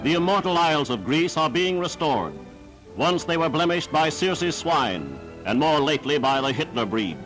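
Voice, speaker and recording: 1940s newsreel man, higher-pitched, over music. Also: big pitch swings, normal speed, a bit bright, rough recording. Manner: formal, declamatory. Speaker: newsreel narrator. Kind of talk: 1940s newsreel narration, scripted.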